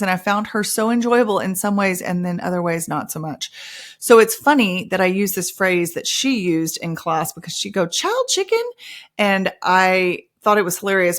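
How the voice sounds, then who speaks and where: A woman with a slightly low voice hosts a casual podcast about motherhood. She talks in a chatty, personal way and slips into playful voices when she quotes people. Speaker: podcast host; mother of several children.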